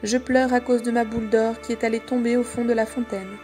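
A spoiled young princess from a fairy tale, talking in a lively, raised voice, played by a woman reading the story. She sounds pampered and a little childish. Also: on the high side, a little fast, faint music behind, lightly acted. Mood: pleading.

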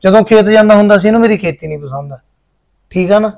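A man's voice: high voice, fast talker, darkish tone. A man playing an impatient young farmer husband who talks brusquely and dismissively. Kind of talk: village drama acting.

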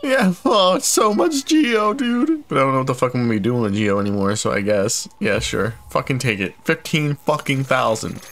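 A man's voice: mid-range voice, a little fast, gravelly, few pauses, a bit bright. A man giving casual, profane let's play commentary, full of exasperated comic rants. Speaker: gamer playing through a game. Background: game music.

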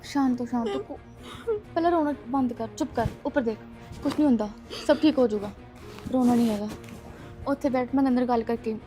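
A young woman playing a caring college student who calms her friend and coaxes an elder politely. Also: a little high, fairly quick, pauses often, soft background music, natural voice. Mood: soothing. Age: young adult. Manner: soothing, coaxing. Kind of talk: film acting.

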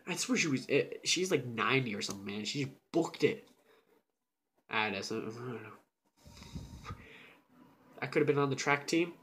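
A young man telling a personal story in a casual, animated way, dropping into whispers and then jumping up loud. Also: mid-range voice. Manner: animated, with sudden whispers and shouts.

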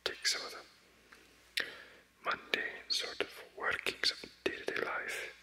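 A man's voice: takes it slowly, sharp tone, rough recording. A man voicing a scheming, sly middle-aged male courtier's ghost in a whispered role-play, teasing and confiding.

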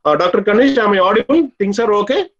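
A man's voice: high-pitched, animated, fast talker, fairly bright tone. A middle-aged man with a South Indian Tamil accent lecturing in a webinar, asking and answering his own questions over a video call. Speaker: dental lecturer. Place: small room indoors, on a video call. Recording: dull lo-fi video call audio.

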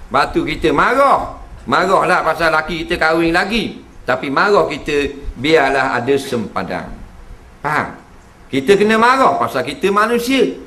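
A man's voice: fairly high pitch, normal speed. Man lecturing. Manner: keeps checking in with the audience; lively, acts out quoted voices. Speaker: religious lecturer. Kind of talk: humorous religious lecture. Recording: echoey hall recording.

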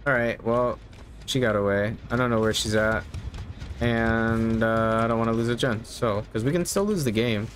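Game sounds play clearly in the background as a man in his thirties streams, chatting casually and thinking to himself while he plays. He speaks at medium pitch and a moderate pace, relaxed throughout.

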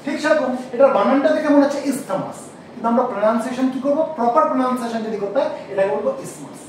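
High-voiced man lecturing in an echoey room. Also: slight background noise. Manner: asks the class questions and repeats key terms slowly. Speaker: teacher. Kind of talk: classroom lecture. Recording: echoey room, mic far off.

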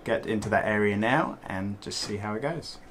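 A man in his forties giving a casual vlog update from a catamaran saloon, pausing often with fillers. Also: lowish voice, fairly bright tone, a little hiss or hum. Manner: halting, many uh fillers. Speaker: sailing vlog co-host. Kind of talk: casual vlog narration to camera.

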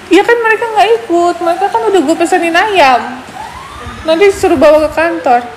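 A woman's voice: extremely high pitch, a little fast, a little hiss or hum, rough recording. A woman on a phone live stream, chatting and teasing, then coaxing and soothing a small child. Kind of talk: casual live-stream chat.

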